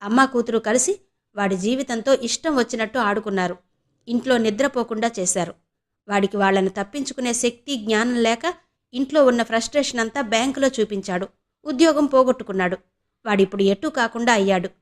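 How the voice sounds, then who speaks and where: A woman's voice: a little high, a little fast, lightly acted. A woman voicing an angry middle-aged wife who scolds bluntly in an audio novel. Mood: indignant. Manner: indignant, scolding.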